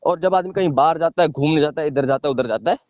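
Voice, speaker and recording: Talking fast in a slightly high voice, a villager from India repeats himself emphatically on a phone call, frequently tossing in quick tag questions to check in. There's no echo, though the call audio is dull and lo-fi.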